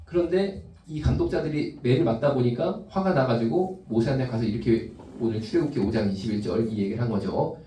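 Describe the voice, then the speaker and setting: A man's voice: mid-range voice, a little fast, few pauses, dark tone, recorded from a distance, a little hiss or hum. Man preaching in an echoey church. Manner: conversational preaching, asks the congregation questions. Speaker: pastor. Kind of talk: sermon. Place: church sanctuary.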